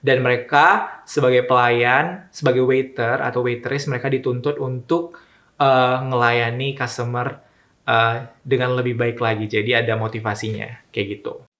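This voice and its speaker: A young man from Indonesia, vlogging at home in a casual, slangy way, dropping in English words and pausing with hesitations. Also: medium pitch, fairly even intonation, fairly bright tone. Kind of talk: casual vlog monologue. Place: home room. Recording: roomy echoey room.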